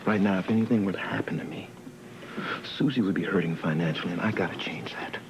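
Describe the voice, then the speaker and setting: A man's voice: deep voice, fast talker, highs cut off, crowd noise. An actor playing a worried father and persistent gambler, earnest, in a television soap opera. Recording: noisy old TV soundtrack.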